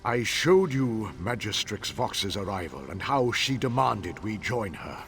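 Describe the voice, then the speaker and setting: A man playing an anguished, dying townsman spirit in a video game, speaking solemnly and haltingly with weary, dramatic pauses. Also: lowish voice, sing-song, fairly bright tone, a little hiss or hum, exaggerated voice. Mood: grave, sorrowful. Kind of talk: video game character acting.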